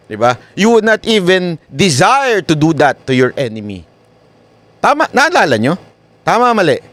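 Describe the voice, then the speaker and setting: A man giving live-stream commentary in an animated way, often tossing tag questions to viewers. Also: mid-range voice. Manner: animated, keeps asking "di ba?". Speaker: online news commentator.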